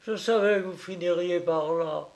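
A distressed middle-aged aunt who reproaches and begs in turn, as a male reader puts her on. The voice sits well above his own and is delivered slowly and dramatically. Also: high voice, steady tone, darkish tone, pitched above the performer's own voice. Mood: imploring. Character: anxious pleading aunt, woman, middle-aged. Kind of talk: audiobook reading.

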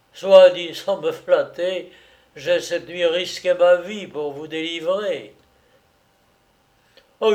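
A man reading aloud and voicing a jovial, smooth-talking gentleman thief with mocking politeness. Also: a little high.

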